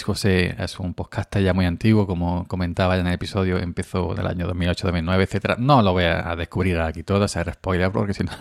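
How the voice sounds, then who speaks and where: Podcaster from Andalusia, low gravelly voice, dry close sound, rambling chat. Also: male voice, no echo. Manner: rambling, with frequent restarts and chuckles. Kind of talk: casual monologue.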